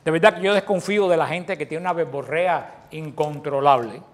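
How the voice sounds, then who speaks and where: Higher-voiced man preaching a sermon. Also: moderate pace. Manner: asks the audience questions and answers them himself; restarts phrases often, with big swings in loudness.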